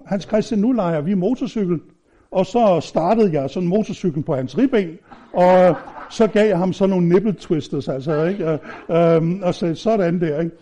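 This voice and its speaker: A man giving an informal, conversational sermon, halting with fillers and restarts and mixing in humorous personal stories. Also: a little high, mellow. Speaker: preacher. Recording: dull lo-fi recording.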